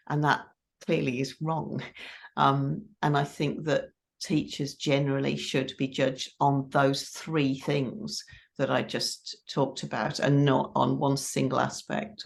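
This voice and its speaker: Low-pitched and gravelly, this middle-aged teacher trainer responds to an interviewer's questions. Her answers are thoughtful and explanatory, and she goes back over key points to stress them.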